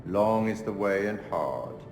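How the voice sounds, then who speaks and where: An actor playing a sinister, refined gentleman who hosts horror tales in a video game, speaking in a measured, ominous and wryly courteous theatrical manner. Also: fairly low pitch, lively intonation. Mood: ominous, grave. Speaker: narrator host addressing the player. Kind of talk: theatrical scripted monologue, literary quotations. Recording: echoing hall reverb, music behind.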